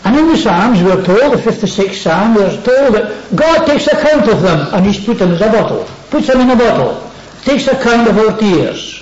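A man preaches a sermon in a fairly high voice, repeating key words for emphasis. The recording sounds roomy and echoey, with a dull, lo-fi tone and a faint hiss underneath. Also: big pitch swings, normal speed. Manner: dwells on words with emphatic repetition.

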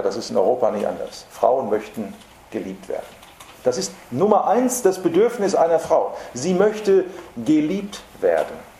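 A man preaching a sermon, earnest and emphatic, slowing down to stress repeated phrases. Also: medium pitch, mellow. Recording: roomy hall with faint background noise.

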